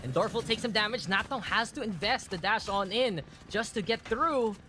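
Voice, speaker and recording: A man's voice: sits high, normal speed. A man giving live esports play-by-play as a caster, with colorful phrasing. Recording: clearly noisy game broadcast audio.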